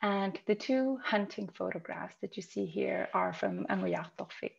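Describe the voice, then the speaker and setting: Gravelly woman giving an online talk. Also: mid-range voice. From Greenland. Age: 30s. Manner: measured, explanatory, occasional ums. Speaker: microbiology researcher presenting. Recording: lo-fi video call audio.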